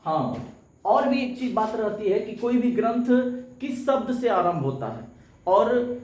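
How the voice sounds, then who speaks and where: A man's voice: high voice, big pitch swings, measured pace, a little mellow. Echoey male teacher quizzing his class. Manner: asks questions and answers them himself; chants verses in a recitation tone. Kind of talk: live online exam-coaching lesson.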